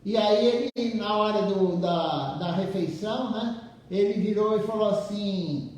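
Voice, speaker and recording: A man giving a slow, halting devotional talk in a temple, often repeating words as he reads and comments. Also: high voice, darkish tone. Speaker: temple speaker. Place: temple hall. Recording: very echoey room, far from mic.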